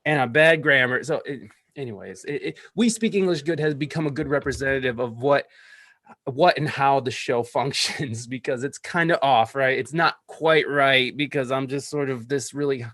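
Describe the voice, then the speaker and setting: A man in his thirties, a podcaster who is a guest on a call, talking in a rambling, energetic way with stammered restarts. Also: medium pitch, moderate pace, dry recording, clean studio sound. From California. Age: 30s. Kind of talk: casual interview chat. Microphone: podcast microphone.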